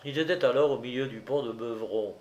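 A man narrating a classic novel in a measured storytelling manner. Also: medium pitch, darkish tone. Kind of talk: audiobook narration.

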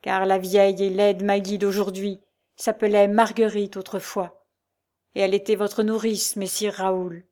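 A woman's voice: mid-range voice, level tone, measured pace, warm tone, natural voice. A devoted old nurse, tearful and fervent, as a woman narrator voices her in a storybook reading. She speaks with trembling emotion. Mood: tender.

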